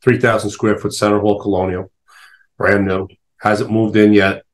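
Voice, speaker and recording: A man's voice: on the low side, level tone, moderate pace. A man in his sixties from the New York area, a podcast guest telling stories in a chatty way with lots of "you know". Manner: chatty storyteller, frequent "you know" fillers. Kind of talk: casual interview storytelling.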